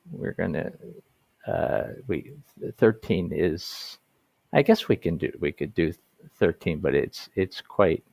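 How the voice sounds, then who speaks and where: A man teaching an online English lesson, talking in a halting way with many restarts and slow, stressed words. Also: low voice, creaky, dry recording.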